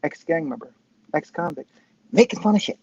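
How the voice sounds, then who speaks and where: A man's voice: a little high, lively intonation, a little fast, creaky, a little mellow, husky, no echo. A man in his fifties hosting a casual livestream, rambling, self-deprecating and profane, with dull, tinny sound from a Bluetooth headset. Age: 50s. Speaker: host of a commentary show. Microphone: Bluetooth headphones' microphone.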